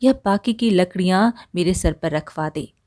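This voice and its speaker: A woman's voice: fairly low pitch, normal speed, dark tone, natural voice. A woman voicing a poor, hardworking old village woman who talks plainly and practically. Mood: homely.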